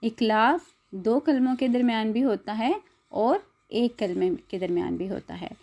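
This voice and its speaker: A woman's voice: a little high, unhurried, a little mellow. A woman teaching a Quran recitation lesson step by step, spelling out syllables, drawing out the recited words and asking listeners to repeat after her.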